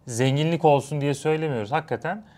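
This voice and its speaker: A young man co-hosts a casual live stream with a slightly raised pitch. He is wry and teasing. He keeps picking at how words are used and pronounced. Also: quick pace, mellow. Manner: wry, teasing, corrects word usage. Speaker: co-host.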